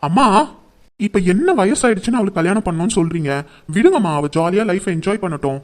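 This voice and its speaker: A man acting as a calm older brother who gently defends his younger sister. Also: high-pitched, quick pace. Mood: reasoning. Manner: gentle, reasoning.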